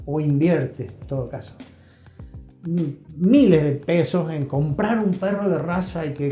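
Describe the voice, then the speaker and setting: A man with an Argentine accent and a slightly high, dark-toned voice offers advice conversationally as an interview guest and health professional. He's emphatic and repeats phrases for effect. Music plays behind him, and the room has a roomy echo.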